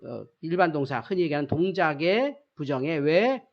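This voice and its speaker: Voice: mid-range voice, sing-song, normal speed. A teacher giving a recorded grammar lesson, asking rhetorical questions, answering them, and repeating key phrases to drill them in. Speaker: English teacher. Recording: dull lo-fi sound.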